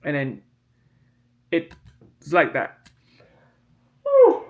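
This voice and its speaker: A man with a gravelly, somewhat high voice talks at normal speed, though the recording's high frequencies are cut off. He's a hobbyist casually demonstrating printer repair with a part in hand, rambling, repeating himself, and stressing key points while yawning from medication.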